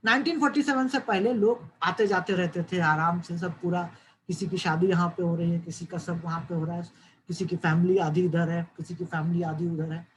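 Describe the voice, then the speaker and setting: A man's voice: high voice, fairly even intonation, normal speed, slight background noise, poor audio. A man from Uttar Pradesh giving an online social science lecture, explaining step by step and often checking that listeners follow. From Uttar Pradesh, India. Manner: dry asides, jokes then says not to take it seriously.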